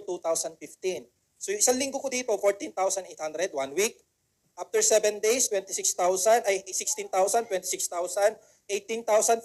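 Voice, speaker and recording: A man giving a motivational seminar talk to an audience, rhetorical and coaxing, repeating key phrases and asking for agreement. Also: sits high. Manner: mixes English phrases into the talk. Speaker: motivational speaker.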